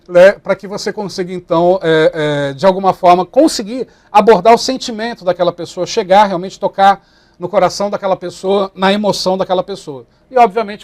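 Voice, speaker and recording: High-voiced animated male teacher. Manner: animated, acts out customers and clerks in quick voices. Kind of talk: lively online lecture.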